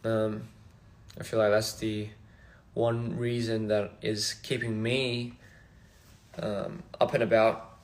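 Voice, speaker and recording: A young man from Australia chatting casually on a phone livestream, soft-spoken and reflective, drifting between thoughts. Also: lowish voice, flat delivery, takes it slowly, pauses often. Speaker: musician livestream host.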